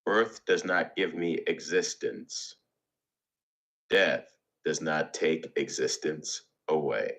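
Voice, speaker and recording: This meditation reader has a very deep voice carrying a bright, forceful edge. His pace is extremely slow, with short phrases laid down one at a time and deliberate pauses in between.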